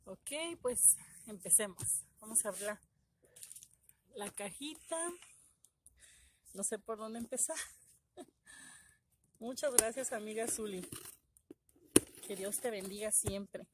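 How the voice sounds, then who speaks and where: A middle-aged woman, talking excitedly to viewers in a casual unboxing video, her voice trembling with emotion. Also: medium pitch, takes it slowly, pauses often, slight background noise. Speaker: gardening vlogger.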